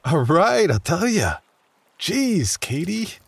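A man's voice: high voice, sing-song, slow pace, gravelly, breathy edge, no room sound, exaggerated voice. A man voicing Jamie, a cautious twelve-year-old small-town boy, in a horror story, speaking in a reluctant, matter-of-fact way. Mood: wary.

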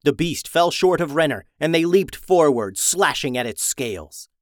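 A man's voice: on the high side, lively intonation, moderate pace, dry recording, studio quality. Man narrating a fantasy storybook.

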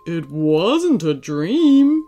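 Lady doing a bouncy talking christmas tree, playful, voice swoops up and down, slow. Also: fairly low pitch, soft background music, exaggerated voice. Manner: playful, lively.

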